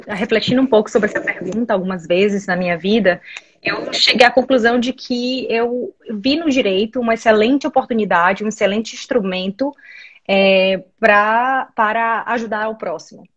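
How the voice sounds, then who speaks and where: A woman's voice: on the high side, moderate pace. Thoughtful Brazilian woman on dull call audio. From Maranhão, Brazil. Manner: thoughtful, many "é" and "né" fillers. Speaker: lawyer, guest. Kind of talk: conversational interview answers. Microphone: video call.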